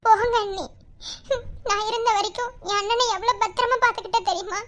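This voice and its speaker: A woman voices a tearful young sister in a cartoon story, her very high, quick voice pleading over and over. She sounds close to crying and will not be calmed down. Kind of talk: cartoon voice acting.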